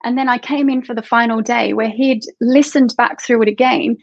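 A fairly high-voiced Australian woman chats casually as an interview host, laughing often. Her audio is muffled and lo-fi. The room has no echo at all. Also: fairly even intonation, normal speed, creaky. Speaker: podcast host and author.

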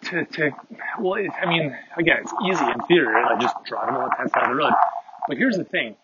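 Recorded through wireless earbuds on a phone, this Canadian podcast host sounds tinny and muffled, with a faint wind behind him as he walks outdoors. His medium-pitched voice moves quickly with lively intonation. The talk is a rambling, filler-packed casual monologue.

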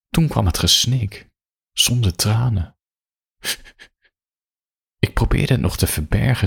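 Man, very low voice, gravelly, slow first-person story reading, husky. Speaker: reader. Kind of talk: reading an erotic story aloud.

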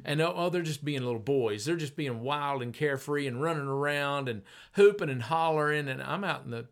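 Older man, earnest conversational preacher. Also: a little high. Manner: earnest, storytelling, slows down for emphasis.

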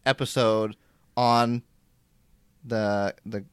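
A young man co-hosting a podcast, chatting casually with deadpan jokes. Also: on the low side, very slow, clear, resonant tone, dry recording, studio quality. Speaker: podcast co-host. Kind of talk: casual chat.

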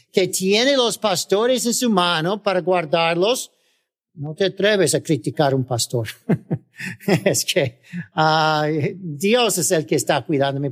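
High-voiced man preaching a sermon. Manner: often asks the listeners "¿verdad?"; chuckles between phrases, with filler "ah". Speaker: pastor.

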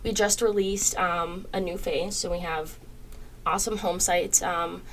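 Podcast guest: woman, lower pitch, relaxed, halting with ums, faint background hiss. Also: low-quality recording. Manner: relaxed, frequent ums while listing details. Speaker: home builder sales guest. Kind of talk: casual podcast chat.

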